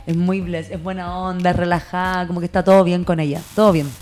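Fast-talking Chilean woman telling stories. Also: on the low side, faint music behind. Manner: animated storytelling, quick and laughing. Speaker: backstage producer telling stories. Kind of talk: casual podcast chat.

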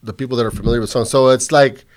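This podcast host is a middle-aged man from the American Southwest, a little drunk and hungover, chatting casually in a loose, profane, rambling way. His mid-range voice stays fairly even in intonation, and he talks rapid-fire.

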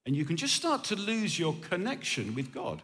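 A man preaching a sermon in short phrases, paused for a live interpreter, telling stories with animation. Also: high voice. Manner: animated, storytelling. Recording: long reverb of a large hall.

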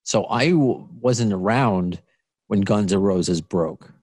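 A podcast host in his late thirties runs a casual interview, chatty, laughing often and restarting sentences. He speaks slowly in a lowish, slightly mellow voice, with a little hiss or hum in the recording.

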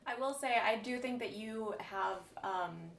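A woman's voice: fairly high pitch, unhurried, creaky. Female host, easygoing and thoughtful, heard at a distance in a roomy space. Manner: relaxed, musing, many "um"s and soft laughs. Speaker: podcast host. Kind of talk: casual podcast conversation. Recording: roomy, distant mic with faint background noise.

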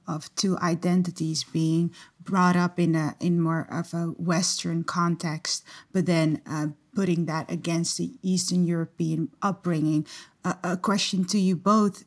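Woman hosting a panel, lowish voice, lots of ums while asking stuff. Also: darkish tone. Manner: hesitant, many fillers while framing questions. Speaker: moderator. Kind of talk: panel discussion.

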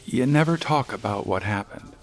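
A man's voice: medium pitch, animated, moderate pace, close to an everyday voice. An actor playing a concerned, probing male friend in a radio drama.

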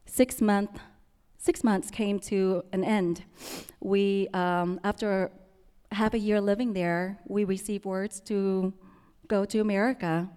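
A young woman from Vietnam with a Vietnamese accent, softly telling her personal story to an audience, with many pauses and restarts. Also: medium pitch, clean tone, in a large hall. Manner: soft-spoken, with frequent ums and restarts.

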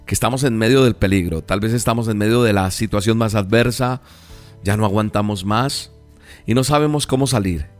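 A man preaching a devotional sermon, telling a story in an earnest, emphatic way with dramatic pauses. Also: fairly low pitch, faint music behind.

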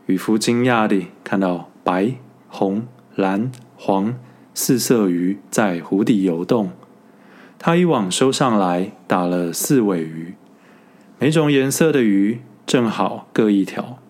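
A man reading a storybook tale aloud, in a slow, even narration. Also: on the low side.

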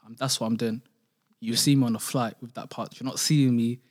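A young adult man with a London roadman accent chats casually in slangy, repetitive street talk. His medium-pitched voice is steady in tone and brisk.

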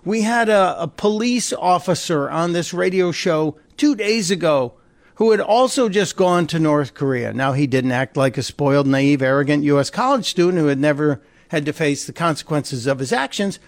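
A man's voice: on the high side, moderate pace, no echo. Indignant talk radio host, man. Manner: conversational, indignant, sarcastic asides. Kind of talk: opinionated talk radio monologue. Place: radio studio. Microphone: studio microphone.

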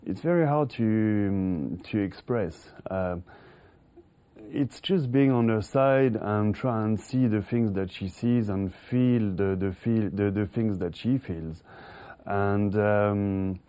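A man's voice: lowish voice, slow, mellow, clear, resonant tone. A middle-aged man from France, a horse trainer, answering interview questions with many restarts and chuckles; French is his first language. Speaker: racehorse trainer.

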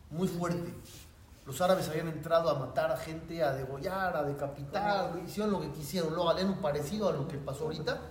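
A man's voice: fairly high pitch, far from the mic. A rabbi with a Mexican Spanish accent, telling a story to his class and acting out the voices in it. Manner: animated storyteller who acts out voices. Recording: echoey room with faint noise.

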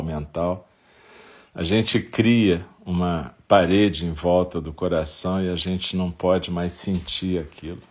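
Male meditation guide, Brazilian accent. Very low register, husky grain, very slow delivery broken into short phrases. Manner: unhurried instruction in short phrases with long pauses.

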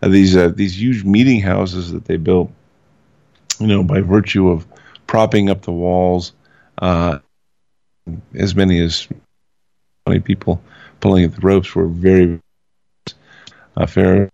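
A man's voice: low-pitched, fairly even intonation, unhurried, vocal fry, long pauses, dark tone, no room sound. A man on a remote internet call whose voice keeps cutting in and out, talking hesitantly with many fillers and restarts. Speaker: regular guest reading old news reports. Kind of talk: casual discussion. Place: California. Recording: dull, muffled, dropping-out remote line.

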